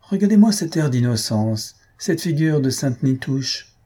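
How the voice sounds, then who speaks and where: A man reading aloud and voicing a grumpy, irritable older husband who blusters and shouts sarcastically. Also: mid-range voice, lively intonation, a little slow, husky, voice pushed up. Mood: grumbling.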